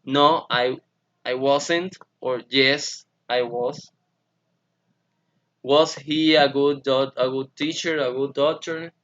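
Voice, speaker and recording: A man's voice: medium pitch, fairly even intonation, drawn-out words, a bit bright. A male English teacher explaining grammar to his students, switching between Spanish and English and spelling out each example step by step. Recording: dull lo-fi sound.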